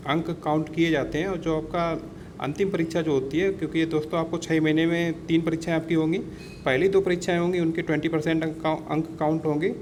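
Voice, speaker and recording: An instructor with a high-ish, darkish voice gives a laid-back exam-prep explainer lesson. He often repeats himself, talks to the audience as friends, and uses English words here and there. You can clearly hear background noise.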